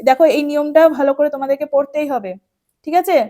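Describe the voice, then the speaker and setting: A woman with a high, light voice talks a class of children through a grammar rule. She goes over each point patiently and again, checking often that the students follow. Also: fairly even intonation, fast talker, mellow. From West Bengal, India. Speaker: teacher. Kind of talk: explaining an English grammar lesson.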